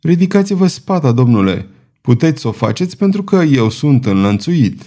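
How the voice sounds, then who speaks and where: Un spadasin prizonier în lanțuri, stăpân pe sine, cu o ironie rece și politicoasă, jucat de un narator bărbat. Vocea e caldă și domoală, ușor mai sus decât naratorul, cu intonație vie. Sună ca o lectură audio dintr-un roman de aventuri. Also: male voice, fairly high pitch. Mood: cold. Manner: calm, ironic, courteous. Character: chained, weakened male swordsman, cool and ironic.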